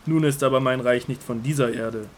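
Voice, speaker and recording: A man playing a calm, resolute Jesus in a Bible audio drama, speaking firmly and deliberately. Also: mid-range voice, slight background noise, close to an everyday voice. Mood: calm, solemn. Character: Jesus, calm, resolute, earnest religious teacher.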